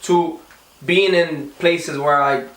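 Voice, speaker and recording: A man's voice: fairly high pitch, steady tone, slow, fairly bright tone, roomy sound, distant mic, a little hiss or hum, rough recording. A young man from the Dominican Republic, a singer answering interview questions casually, often restarting and repeating words. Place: recording studio.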